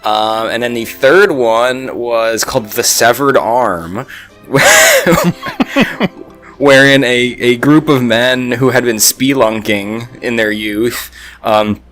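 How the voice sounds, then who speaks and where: A man in his thirties co-hosting a podcast, telling stories slowly and wryly, with chuckles along the way. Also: medium pitch, steady tone, fairly bright tone, faint music behind. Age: 30s. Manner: wry, slow storytelling with chuckles. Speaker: podcast co-host. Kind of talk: casual chat.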